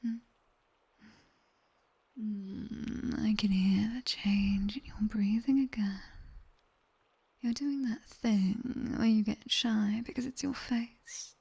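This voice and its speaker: Voicing a sharp-tongued nightmare demon tutor who teases, a British ASMR performer whispers intimately into a close binaural ear mic during a guided body scan roleplay. It's a full character voice, medium in pitch, slightly rough and full of vocal fry. Slow, teasing and commanding yet intimate, she comes across as soothing and instructive.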